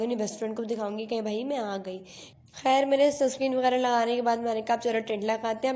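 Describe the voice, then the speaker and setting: In her bedroom at home, a teenage girl films a casual get-ready-with-me vlog on a phone camera. Her fairly high voice is mellow, and her chatty, self-deprecating narration mixes Hindi with English phrases.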